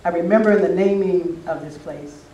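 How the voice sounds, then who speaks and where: An older man gives a casual talk at a spiritual retreat, telling anecdotes and reminiscing with the gathering. His voice sits high and sounds mellow, at a moderate pace. The sound is lo-fi, recorded by a distant mic in a roomy space with faint noise.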